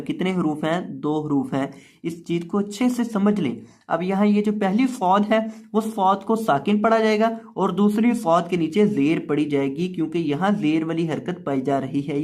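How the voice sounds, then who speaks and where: A man teaching Quran reading step by step, slowly drawing out letters and syllables and patiently repeating his explanations. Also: fairly high pitch. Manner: slow, drawn-out spelling of letters and syllables. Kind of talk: step-by-step recitation lesson.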